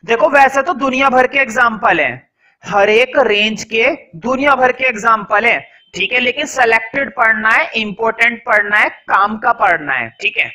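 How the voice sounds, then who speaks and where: A young man teaching a class, dictating notes slowly and repeating each phrase, mixing Hindi and English and answering his own questions. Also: very high voice, sharp tone, poor audio.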